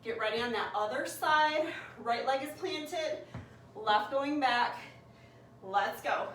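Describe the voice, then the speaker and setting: A woman's voice: sits high, slow pace, fairly bright tone, echoey room, recorded from a distance, slight background noise, poor audio. Breathless woman coaching a workout. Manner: encouraging, counts reps aloud. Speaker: fitness instructor.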